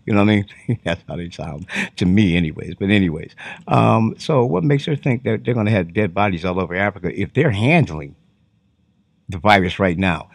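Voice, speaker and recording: A man's voice: sits low, lively intonation, normal speed, vocal fry, dry recording. A man giving a profane, unscripted commentary monologue, talking animatedly and mocking the voices he quotes. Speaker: online commentary host.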